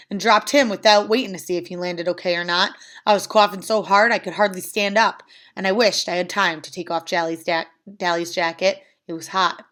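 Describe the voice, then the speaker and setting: A woman reads a novel aloud, narrating in an even, plain manner. Her delivery is steady, with nothing dramatic added to the telling. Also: mid-range voice. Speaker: reader.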